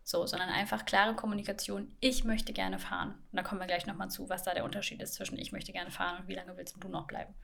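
A woman's voice: medium pitch, level tone, quick pace, creaky, hardly any pauses, fairly bright tone. A woman co-hosting a casual podcast about communication, speaking in a chatty way with frequent laughs and English phrases mixed in. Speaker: podcast co-host, coach.

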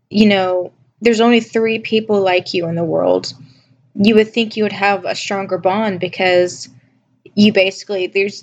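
A woman hosts a solo podcast reviewing a TV episode, chatting casually while sick and losing her voice, which sounds scratchy. She muses, questions herself, asks listeners questions, and restarts often. Her voice is medium-pitched and the sound is lo-fi.

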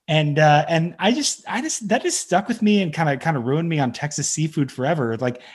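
A man co-hosts a casual podcast, telling stories in a rambling way and correcting himself as he goes. His voice is medium-pitched with a breathy edge.

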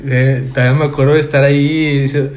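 A young man speaks Spanish with a Mexican accent in relaxed podcast banter. He talks loosely, piling up slang and trailing off mid-word before starting again. His voice sits at an ordinary pitch for a man, and the room around him sounds echoey. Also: brisk, a crowd in the background. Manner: slangy, laid-back, stumbling restarts. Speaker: podcast co-host. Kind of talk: casual chat.

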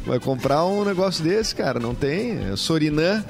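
A man's voice: fairly high pitch, animated, moderate pace, creaky, over music. A man with a Brazilian Portuguese accent, bantering casually as a co-host in a group talk.

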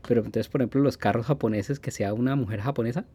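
A man's voice: medium pitch, fast, warm tone, slightly rough. A man in his forties from Colombia with a Colombian Spanish accent, hosting a podcast in a casual, rambling monologue full of fillers and restarts. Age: 40s. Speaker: podcast host.

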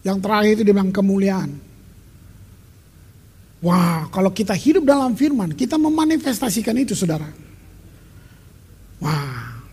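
Middle-aged man, pastor, emphatic conversational sermon, very husky voice, long hall reverb. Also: high-pitched, big pitch swings, moderate pace, long pauses, darkish tone. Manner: emphatic, conversational preaching with English phrases.

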